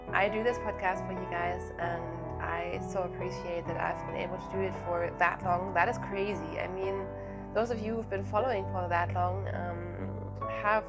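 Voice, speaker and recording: A young woman from Germany hosting a knitting podcast, talking casually and energetically with lots of "um"s, her voice croaky from hay fever and sniffles. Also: mid-range voice. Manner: chatty and energetic, frequent "um"s. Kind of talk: casual chat to camera.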